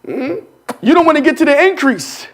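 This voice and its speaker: A man with a very high, animated voice leads a church Bible study. He preaches in a loose, conversational way, tossing questions at the room and jumping from murmured asides to shouted points. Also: brisk. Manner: call-and-response preaching, repeats "huh?" to the congregation; colloquial, swings between quiet asides and shouted emphasis. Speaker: pastor.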